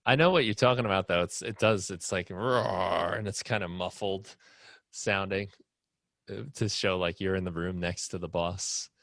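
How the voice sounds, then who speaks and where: A man's voice: low voice, moderate pace, a bit bright, dry recording. A man hosting a live online music production class, explaining casually with many fillers and restarts.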